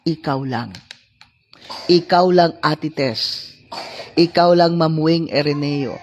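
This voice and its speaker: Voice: mid-range voice, slow, a little mellow, a little hiss or hum. A preacher with a Filipino accent giving a sermon, moving between English and local languages and repeating phrases for emphasis. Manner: mixes English with Tagalog and Cebuano.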